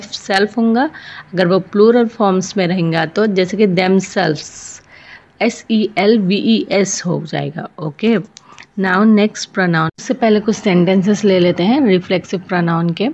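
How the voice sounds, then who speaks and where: Slow-paced woman teaching grammar. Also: medium pitch, darkish tone. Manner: reads English examples slowly, explains in Hindi-English mix. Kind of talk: grammar lesson explaining to viewers. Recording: dull lo-fi sound.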